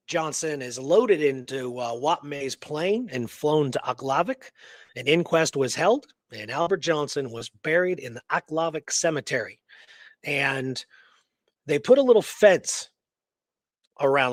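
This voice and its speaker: A man co-hosting a radio show casually shares historical research, often checking in with "right?" and "you know." His voice is medium-pitched with no echo.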